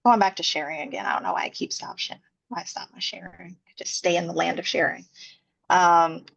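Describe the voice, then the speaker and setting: A woman leading a workshop over a video call, talking haltingly with many fillers while her voice keeps breaking up on a bad connection. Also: on the low side, steady tone, gravelly, fairly bright tone, husky. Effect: voice breaking up over a bad internet connection. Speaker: workshop leader. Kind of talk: casual talk on a video call. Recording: dull lo-fi video call audio.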